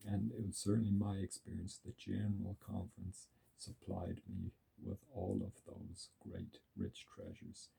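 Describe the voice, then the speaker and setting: Earnest male commentator, husky and breathy, repeats key words for weight. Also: sits low, animated, unhurried, hardly any pauses, mellow, poor audio. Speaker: religious commentator. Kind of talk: reflective religious commentary.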